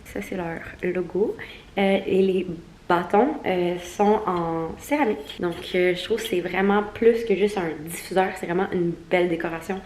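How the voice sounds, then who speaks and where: Chatty young Québécoise vlogger. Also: female voice, lowish voice, normal speed, a little mellow, a little hiss or hum. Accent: Québécois French. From Quebec. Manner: chatty, mixes in English words. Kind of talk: casual vlog.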